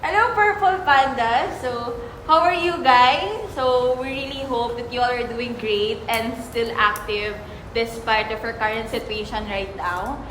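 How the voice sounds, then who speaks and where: A woman's voice: a little high, unhurried, fairly bright tone, a little hiss or hum. A woman with a Filipino accent hosting a casual podcast chat while eating, upbeat and switching between English and Tagalog. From Philippines. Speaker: membership consultant and podcast host. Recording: echoey room.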